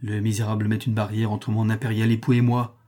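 A man's voice: lowish voice, flat delivery, fairly quick, warm tone, soft background music, lightly acted. A man voicing a proud, grieving empress who speaks resolutely in a raised, indignant voice.

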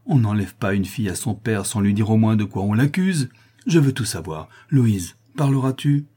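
Storybook figure: an anguished aging artisan father, husky and mellow but raised and insistent, read by a man. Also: mid-range voice, animated, moderate pace, pitched above the performer's own voice. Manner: pleading, agitated, raised voice.

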